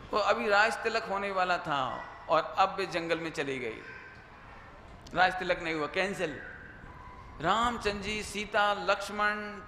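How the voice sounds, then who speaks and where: A man giving a Jain sermon to an audience, lively and conversational, mixing in English phrases and acting out quoted lines. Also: sits high. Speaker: Jain preacher. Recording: echoey hall with faint noise.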